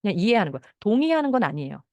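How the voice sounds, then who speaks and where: A woman's voice: medium pitch, sing-song, rapid-fire, a little mellow, dry recording. A middle-aged woman counselor giving a talk on how parents should speak with children, acting out short parent and child lines as she goes.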